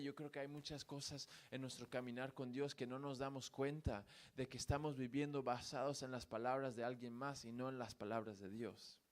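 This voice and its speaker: A man preaching a sermon in a church, swinging between emphatic peaks and quiet, repeated refrains. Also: mid-range voice. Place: church sanctuary.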